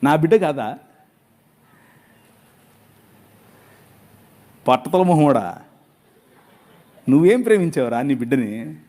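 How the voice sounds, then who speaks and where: A preacher voicing God as a stern but loving divine father who rebukes him gruffly. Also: a little high, sing-song, moderate pace, a little mellow, voice pushed down. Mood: gruff tender.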